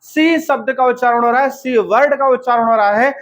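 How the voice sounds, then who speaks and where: Brief: man, has a cold, high voice, exam-prep teacher spelling words out and quizzing himself. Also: fairly quick, a bit bright. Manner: drilling by asking and answering his own questions, spelling letter by letter.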